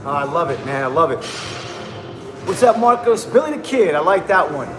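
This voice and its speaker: A man with a voice on the high side hosts a casual livestream, very animated and speaking at normal speed. He's hyped and slangy, calling viewers "bro" and "man," while music plays behind him in an echoey room.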